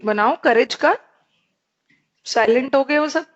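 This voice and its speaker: A woman's voice: high-pitched, measured pace, highs cut off. A woman with an Indian English accent teaching a live online grammar class, explaining in Hindi mixed with English and asking her students questions.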